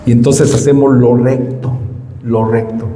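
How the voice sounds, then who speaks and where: A man's voice: mid-range voice, flat delivery, unhurried, mellow, big-room sound, slight background noise. A man preaching a sermon as pastor, stressing points by repeating words and acting out parents and children. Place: church hall.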